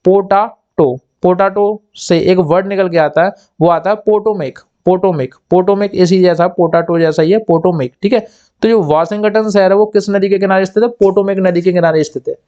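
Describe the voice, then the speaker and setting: A man's voice: high voice, steady tone, moderate pace, mellow, lo-fi sound. A man teaching memory tricks for exams, repeating key words and asking and answering his own questions. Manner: acts out little scenes in quoted voices. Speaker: exam coaching teacher.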